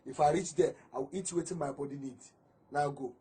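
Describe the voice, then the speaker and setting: A man's voice: fairly high pitch, steady tone, a little fast, warm tone, slightly rough. A man with a Nigerian accent playing a cranky husband in a film drama, complaining as he talks. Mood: grumbling. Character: grumbling hungry husband, cranky. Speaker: film actor.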